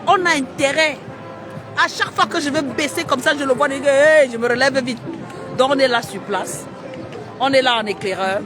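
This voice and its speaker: A man's voice: very high voice, moderate pace. A man, live-streaming from a busy city square and greeting viewers by name in a chatty, teasing way. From Cameroon. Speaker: livestream host. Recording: street crowd and music behind.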